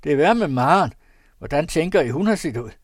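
Read by a man, a blustering storybook huntsman booms out his words in a gruff shout. The sound is dry and close, with no room around it. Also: expressive, no room sound, close to an everyday voice.

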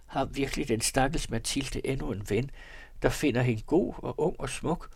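A man's voice: mid-range voice, gravelly, slightly rough, no room sound, voice pushed up. A man voicing a young, sorrowful woman in a read-aloud novel, speaking earnestly and hesitantly. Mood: tearful.

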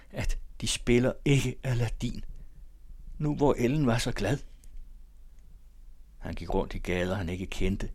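A man reading a story aloud in an expressive way. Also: fairly low pitch, breathy edge. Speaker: narrator.

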